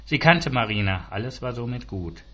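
A man's voice: mid-range voice, lively intonation, normal speed, bright, forceful tone. A man narrating a short story aloud with dry, ironic storytelling. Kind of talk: audiobook reading of a short story. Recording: dull lo-fi recording.

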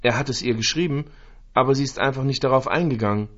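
A man reading a literary story aloud in a slow, measured, emotive way with long pauses. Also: mid-range voice, lo-fi sound. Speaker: narrator.

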